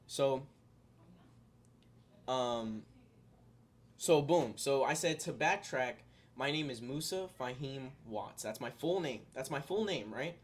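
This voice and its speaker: Slow and animated, this young adult vlogger speaks in a mid-range voice and pauses often. His casual talk to viewers meanders through heartfelt spiritual ideas, thick with fillers and false starts.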